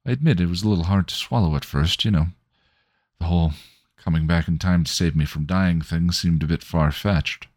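A man voicing a young woman who is tearful and earnest, speaking softly and haltingly. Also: low voice, no echo, clean studio sound. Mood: confiding.

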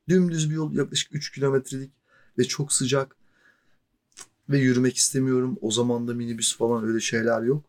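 A man's voice: mid-range voice, a little mellow. Guy in his 40s telling a story from back home, super casual, chuckles a lot, medium voice. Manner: conversational, chuckles often, loose filler words. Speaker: podcast storyteller.

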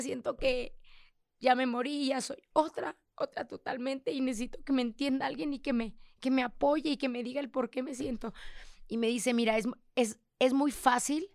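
A woman's voice: on the high side, dry recording, studio quality. A young woman with a Mexican accent, speaking frankly and emotionally as a guest in a candid conversation, swearing freely and acting out the voices she quotes.

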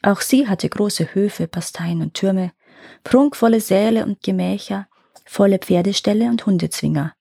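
A woman reading a fairy tale aloud in calm, measured narration. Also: medium pitch, gravelly, husky, no room sound, clean studio sound. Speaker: storyteller.

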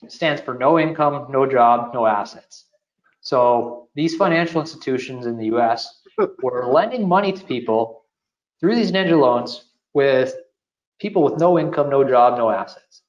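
A man's voice: mid-range voice, expressive, unhurried. A man co-hosting a casual finance podcast, explaining things steadily with occasional repeated words. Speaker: podcast co-host. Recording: roomy, slightly dull sound.

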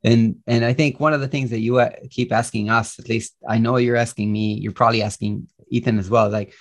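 A man's voice: medium pitch, fairly even intonation, fairly quick. A man, co-hosting a podcast in loose, rambling casual chat full of fillers. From Israel. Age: 30s. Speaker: podcast co-host.

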